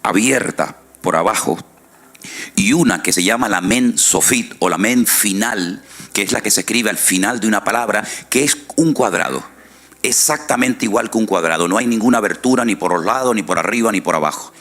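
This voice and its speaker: A man's voice: fairly low pitch, normal speed, fairly bright tone. A male pastor preaching a sermon in a conversational way, often checking in with his listeners through short tag questions.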